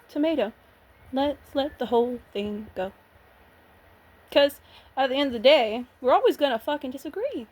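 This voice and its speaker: A woman's voice: a little high, darkish tone. A woman vlogging in a casual, blunt rant, swearing freely and sounding nervous and shaky. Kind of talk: casual ranting vlog.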